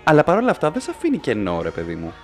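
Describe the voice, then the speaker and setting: A man's voice: on the high side, wildly swooping pitch, faint music behind. A man co-hosting a casual satirical podcast chat in a studio, talking in a teasing, sarcastic way. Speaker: podcast co-host.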